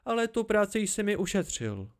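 A man's voice: high-pitched, very animated, pitched above the performer's own voice. A man voicing a proud, secretive young woman in an amateur audiobook, raising his voice to play her. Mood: animated.

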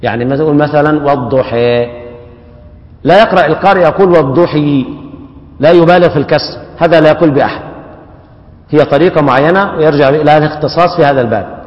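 Egyptian male teacher, slightly high voice, patient repeating lecture style, dull lo-fi hall recording. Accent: Egyptian Arabic. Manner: explains slowly, repeats terms, checks in with "yes". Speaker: Quran recitation teacher. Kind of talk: classroom lecture on recitation rules. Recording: echoey hall, dull lo-fi sound.

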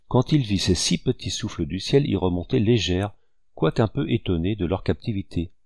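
A man reads an old storybook aloud, measured and expressive. His voice sits low with a gravelly edge, and the recording is dry and close. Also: no echo. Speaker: audiobook reader. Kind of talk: storybook reading.

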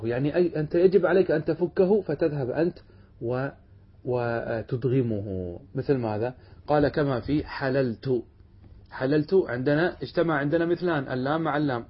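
Brief: male lecturer, husky and fast, dull lo-fi recording, quizzes the class and answers himself. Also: on the high side. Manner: asks students questions and answers them himself; reads quoted passages slowly and deliberately. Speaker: teacher of Arabic rhetoric. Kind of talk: classroom lesson explaining a text.

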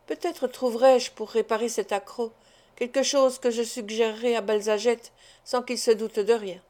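A woman's voice: fairly high pitch, steady tone, normal speed, a little mellow, lightly acted. Woman voicing a furious proud man. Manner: harsh, furious outbursts. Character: angry proud man, a lawyer.

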